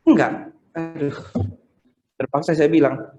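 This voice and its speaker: During a church service streamed over a video call, a male pastor preaches conversationally, sharing anecdotes and voicing other people's words. He sounds medium-pitched and brisk, with the highs cut off, soft music behind him, and a roomy, echoey sound.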